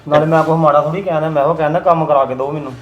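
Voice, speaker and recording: A stubborn younger brother, played by a man, insistently arguing back. He talks extremely fast with a slightly high voice. The sound is roomy and dull. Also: steady tone, soft background music, close to an everyday voice. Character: idle younger brother, stubborn, wants own business. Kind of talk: scripted web drama acting.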